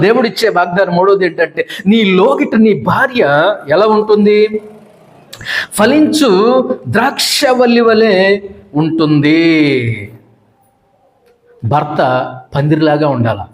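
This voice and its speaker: A man's voice: high-pitched, animated, takes it slowly, long pauses. A middle-aged male pastor preaching a sermon, driving his points home with long repeated lists and acting out the complaints of wives.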